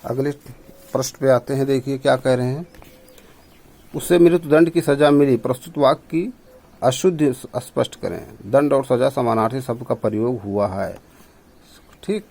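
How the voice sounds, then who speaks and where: A man's voice: medium pitch, creaky, dark tone. A male teacher going through exam questions on correct usage, explaining each answer step by step. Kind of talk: exam prep lesson.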